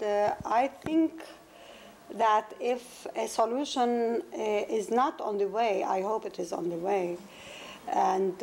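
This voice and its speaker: A woman's voice: medium pitch, a little mellow. A woman from Palestine, speaking English as a second language, answers interview questions earnestly, restarting and repeating words as she goes. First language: Arabic. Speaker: interviewee, novelist. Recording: 1991 interview tape with faint noise.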